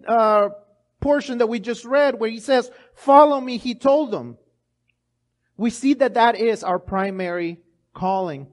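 Male pastor, strikingly high voice, emphatic sermon delivery with rhetorical questions.

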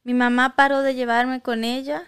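A woman's voice: sits high, flat delivery, normal speed, a bit bright, clear, resonant tone. A woman in casual conversation, telling a personal story in a hesitant way with restarts and the odd English word. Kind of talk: casual chat.

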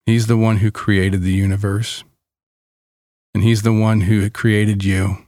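Very slow, calm man guiding meditation. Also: lowish voice, no echo, studio quality. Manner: calm, soothing, gentle delivery with long pauses. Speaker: guided meditation leader.

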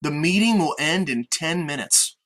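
Bright, higher-pitched American male podcast host. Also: expressive, moderate pace. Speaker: podcast host with on-air experience. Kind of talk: casual sports podcast chat. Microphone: online video meeting call.

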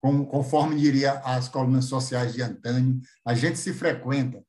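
A man's voice: mid-range voice, steady tone, moderate pace, a little mellow. A man, telling stories as a guest author in a casual, joking interview. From Bahia, Brazil. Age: 50s. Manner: irreverent, joking storyteller who mimics voices.

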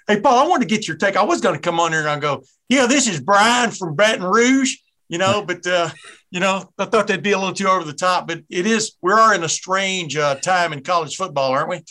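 A man's voice: sits high, quick pace, bright, forceful tone. A man with a Southern American accent hosting a sports podcast, chatty and rambling with many restarts. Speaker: podcast host. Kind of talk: casual sports podcast interview.

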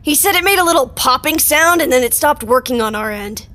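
Woman as dismissive technician, audio drama, high voice, lively pitch. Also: fairly quick. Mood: offhand. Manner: offhand, dismissive.

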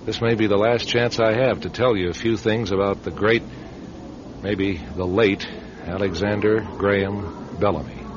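In a conversational radio drama, a man plays a wry, sardonic middle-aged radio station manager, his fairly low voice fairly even and moderately paced, close to his everyday voice. The wry, somber narration and dialogue come through a dull, hissy old recording.

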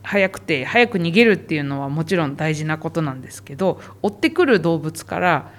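Low-voiced woman, patient zoo expert. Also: animated, fairly quick. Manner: patient, detailed explanations. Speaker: zoo animal specialist. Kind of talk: explaining animal behavior in a podcast interview.

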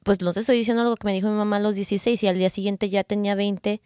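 A woman's voice: medium pitch, little pitch movement, very fast, a little mellow, clear, resonant tone, dry recording. A middle-aged Mexican woman co-hosting a casual podcast, chatty, working through a list of tips with asides. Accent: Mexican Spanish. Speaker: podcast co-host.

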